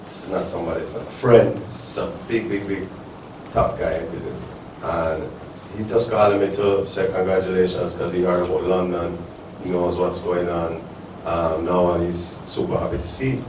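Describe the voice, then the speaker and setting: A man's voice: low voice, flat delivery, normal speed. A man from Jamaica speaking at a business symposium, answering audience questions in an earnest, rambling way with many restarts. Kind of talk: live panel talk answering audience questions. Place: resort event hall. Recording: echoey event hall from far off, faint noise.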